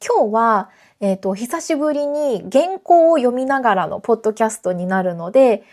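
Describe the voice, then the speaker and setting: Friendly woman teacher with a higher voice. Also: expressive, normal speed, darkish tone. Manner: friendly, clear explanations. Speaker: Japanese teacher. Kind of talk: casual teaching podcast. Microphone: camera framing, reading notes beside it.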